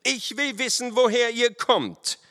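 A man's voice: high voice, sing-song, a little slow, pushed and bright, pitched above the performer's own voice, full character voice. A man voicing a stern young cavalry lieutenant who barks orders, in a story reading with a long hall reverb. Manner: harsh, barking orders.

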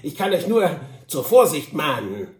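A man's voice: on the high side, sing-song, measured pace, a little mellow, echoey room. A man voicing a wry, knowing old trapper who chuckles as he talks.

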